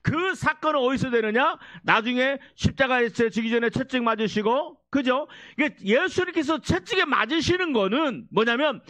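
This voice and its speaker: High-voiced, lively man preaching a sermon. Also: moderate pace, few pauses, no echo. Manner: exhorting, prompts the congregation to repeat and answer. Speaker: pastor. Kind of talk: sermon with call-and-response.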